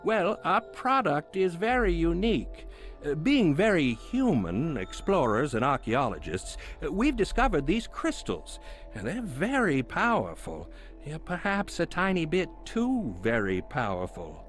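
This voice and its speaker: A man's voice: fairly high pitch, huge pitch swings, unhurried, soft background music. A man voicing an alien who poses as a human client, talking in a stiff, overly formal way to pass as human. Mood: stiffly formal. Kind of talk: game voice acting.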